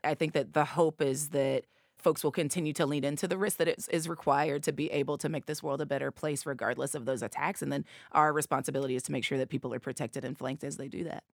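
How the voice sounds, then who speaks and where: A woman's voice: low-pitched, steady tone, fast, vocal fry, dry recording, studio quality. A woman from Appalachia with an Appalachian accent, answering as an activist guest in an emphatic way, often checking with tag questions. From Appalachia, southern United States. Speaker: activist leader, co-executive director and interview guest. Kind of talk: impassioned interview answer.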